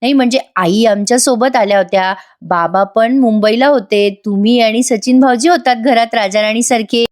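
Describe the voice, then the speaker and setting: A caring young sister-in-law who speaks politely and soothes the others, read out by a woman. Her voice sits a little high. She sounds like a kind daughter-in-law from a retold TV family serial. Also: normal speed, hardly any pauses, darkish tone, natural voice. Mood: soothing. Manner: reassuring, polite.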